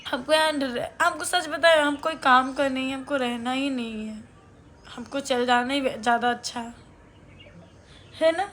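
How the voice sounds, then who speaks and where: High-voiced woman, arguing sharply. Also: unhurried, fairly bright tone, echoey room, slight background noise. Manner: heated, sarcastic, complaining. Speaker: vlogger, mother. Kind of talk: arguing with husband while filming a family vlog.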